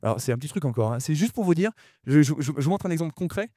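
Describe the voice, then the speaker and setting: A man giving a conference talk to an audience. He talks fast, mumbles his words, and often repeats himself and restarts sentences. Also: fairly high pitch, animated, warm tone, no echo, clean studio sound. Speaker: conference speaker.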